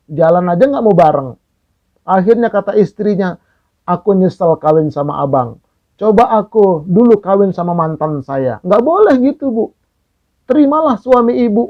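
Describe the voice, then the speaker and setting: A man from Indonesia delivers a short Ramadan sermon, mixing humorous everyday stories with recited Arabic phrases. His voice sits high for a man. The recording sounds dull and lo-fi. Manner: lively storytelling with humor. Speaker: Islamic preacher.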